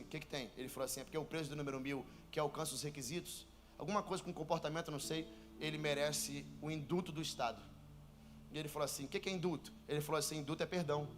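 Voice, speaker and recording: High-voiced Brazilian preacher, music behind. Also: male voice. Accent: Brazilian Portuguese. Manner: storytelling, rising to shouted, sung preaching. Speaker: pastor. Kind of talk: sermon. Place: church.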